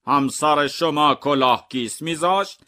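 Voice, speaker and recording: A man's voice: fairly high pitch, pushed and bright. A man voicing a museum guard and an inspector in a comic mystery story reading, speaking matter-of-factly and questioning firmly. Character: museum guard and inspector, plain grown men.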